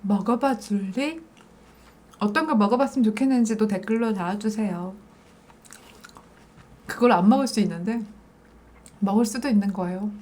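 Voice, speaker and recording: A woman's voice: mid-range voice, a little fast, long pauses, darkish tone. A woman from South Korea chats casually and playfully to viewers as the host of an eating show. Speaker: mukbang host.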